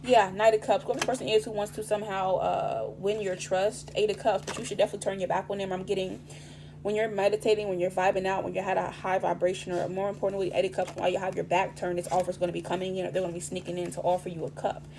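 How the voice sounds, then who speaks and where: A tarot reader does a loose, rambling reading full of swearing and street slang, talking fast. Her medium-pitched voice is raspy this morning, and the recording carries a steady hum along with other background noise.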